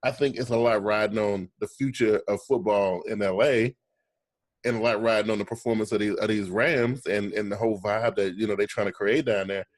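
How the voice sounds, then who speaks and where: A man's voice: lowish voice, fairly even intonation, brisk, no room sound. A man co-hosting a casual sports podcast, talking in long runs and often checking in with "right?".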